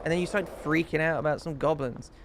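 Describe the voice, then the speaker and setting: A male streamer in casual live-stream chat, blunt and quick to swear. His voice has a gravelly edge. Steady noise runs under the home recording. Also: on the high side. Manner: blunt, swears when annoyed.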